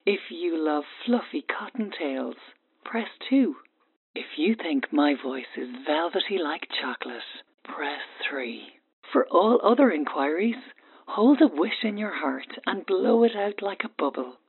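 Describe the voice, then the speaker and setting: A woman voicing a sweet, sultry Easter Bunny reading a hotline message in a breathy, velvety voice. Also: fairly low pitch, expressive, a little slow, exaggerated voice. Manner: soft, purring and seductive. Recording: tinny phone line.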